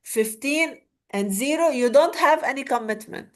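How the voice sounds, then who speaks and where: The speaker is a webinar trainer from Lebanon whose Lebanese Arabic accent colors a high-pitched voice at normal speed. She guides an interactive online workshop, repeating words and frequently checking in with "okay?".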